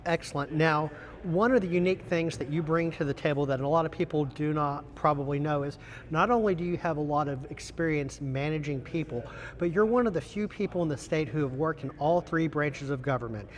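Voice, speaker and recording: A man's voice: fairly high pitch, fairly quick, slight background noise. An American man asking prepared interview questions in a formal, courteous way as the host.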